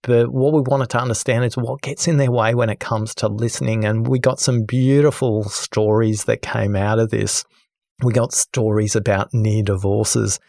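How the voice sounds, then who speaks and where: A man who is a guest on a podcast, telling a story with lively energy and acting out the people in it. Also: medium pitch, normal speed, creaky, dry recording, clean studio sound. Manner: lively, acts out the people in his stories. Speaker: podcast guest, listening expert. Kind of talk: animated storytelling in conversation.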